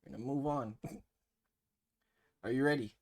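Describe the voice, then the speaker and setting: A man with a Toronto accent runs a casual slang quiz at a middle pitch. He talks in slangy banter, teasing his contestant with mock sternness. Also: slow pace, darkish tone. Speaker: quiz host.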